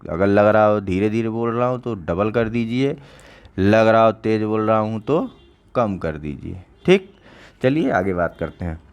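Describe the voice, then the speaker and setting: Low-voiced man teaching an exam lesson. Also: expressive, unhurried, clean tone, dull audio. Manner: conversational, repeats key answers, checks understanding with "ठीक". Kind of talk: online exam-prep lecture.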